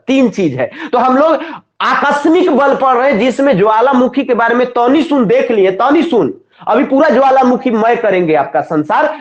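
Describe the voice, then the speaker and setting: Bihari-accent guy lecturing a class, keeps repeating key words, dull muffled echoey recording. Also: very high voice. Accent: Bihari Hindi. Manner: asks students questions and answers them himself, repeats key terms. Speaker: teacher. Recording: echoey, dull lo-fi room sound.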